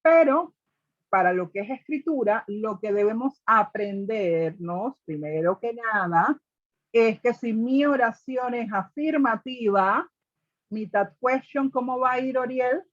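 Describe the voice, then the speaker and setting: A woman's voice: fairly high pitch, expressive, measured pace, no echo, muffled recording. A woman teaching an online class, explaining grammar step by step and often checking with her students. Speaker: English teacher.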